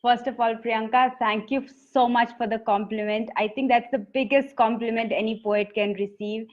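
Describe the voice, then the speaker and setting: A woman poet and author with an Indian English accent answers interview questions conversationally, telling her story in an earnest, reflective way. Her voice is fairly high and a little mellow, with fairly even intonation and a normal speed. The audio is dull and lo-fi.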